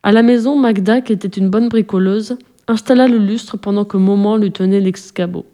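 A woman narrates a children's story in a calm, even way. Her voice is mellow and warm, with a middle pitch. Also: moderate pace.

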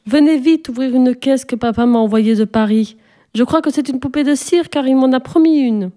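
Woman playing a pleading little girl in a storybook, high and mellow. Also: moderate pace, close to an everyday voice. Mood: eager. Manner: excited, pleading. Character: little girl, eager and headstrong.

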